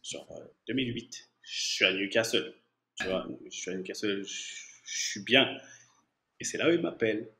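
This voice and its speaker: Thirties male from Paris, lower register, laid-back repetitive storyteller. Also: moderate pace, pushed and bright. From Paris, France. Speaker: former footballer, panelist. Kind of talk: casual chat.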